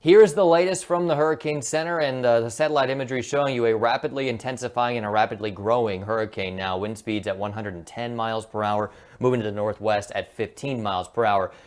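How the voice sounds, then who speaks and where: A man presenting an unscripted hurricane forecast as a meteorologist, sometimes halting and rephrasing as he goes. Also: mid-range voice, fairly even intonation.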